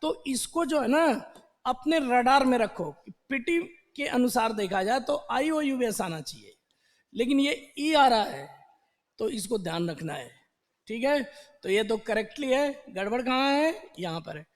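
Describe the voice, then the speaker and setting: An Indian man teaching an online exam-prep lesson, breaking words into slow drawn-out syllables and repeating them. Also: extremely high pitch, lively intonation, in a large hall. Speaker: English teacher.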